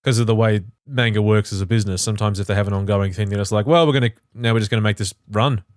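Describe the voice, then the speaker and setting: A man's voice: lowish voice, steady tone, racing, no echo. A man co-hosting a casual podcast, giving dry, wry reactions and laughing along. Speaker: podcast co-host. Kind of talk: casual chat.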